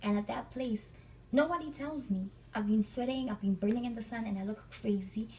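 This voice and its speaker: A woman's voice: a little high, a little fast, dark tone, recorded from a distance, slight background noise, low-quality recording. A young woman from Africa, chatting through a storytime vlog and acting out the people she quotes. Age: young adult. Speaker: vlogger.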